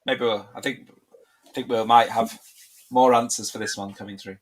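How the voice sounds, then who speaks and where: A man's voice: mid-range voice, fairly even intonation, moderate pace, a little hiss or hum. A man co-hosting a casual live quiz lesson as a tutor, light-hearted and encouraging.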